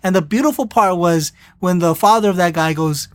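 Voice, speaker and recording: A podcast co-host in casual chat, recapping a movie in a rambling, animated way and acting out the characters' lines. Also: medium pitch, brisk, dry recording. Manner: animated storyteller, acts out quotes; rambling with restarts.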